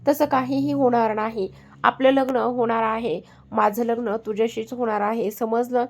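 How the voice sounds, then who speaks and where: A woman's voice: on the high side, fairly even intonation, moderate pace. A woman reading as a teasing young fiancé. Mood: firm.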